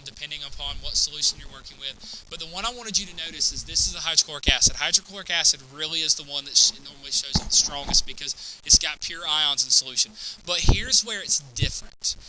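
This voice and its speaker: A man's voice: a little high, fairly quick, crowd noise, low-quality recording. A man teaching a chemistry class, lecturing and constantly checking in with students by asking "right?" and "okay?".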